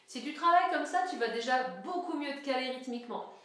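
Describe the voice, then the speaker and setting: A woman's voice: high voice, fast talker, a bit bright. A woman giving a singing lesson, explaining each step plainly and speaking straight to the viewer. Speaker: singing teacher. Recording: very echoey room.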